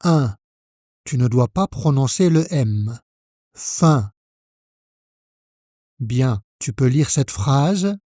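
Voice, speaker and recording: A man from France teaching French pronunciation, speaking slowly and carefully, spelling out each sound for the learner. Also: mid-range voice, expressive, dark tone, dry recording, studio quality. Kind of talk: pronunciation lesson.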